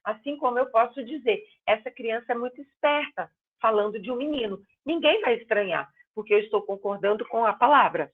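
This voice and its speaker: A woman teaching a grammar class online, explaining patiently and stressing example words loudly. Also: fairly high pitch, lively intonation, husky. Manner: explains slowly, stretching and exaggerating words as examples. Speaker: Portuguese teacher. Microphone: video call. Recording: tinny phone-line sound.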